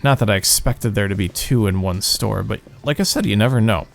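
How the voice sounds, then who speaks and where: A man's voice: on the low side, a little fast, vocal fry. A man hosting a let's play, rambling casual commentary with a nasal, phlegmy morning voice.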